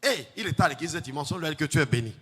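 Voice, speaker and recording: A man's voice: a little high, lively intonation, very fast, husky. Sing-song preaching man, echoing church hall. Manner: chanting, sing-song preaching that swells to shouts. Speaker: pastor. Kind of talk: sermon. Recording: long hall reverb, faint music.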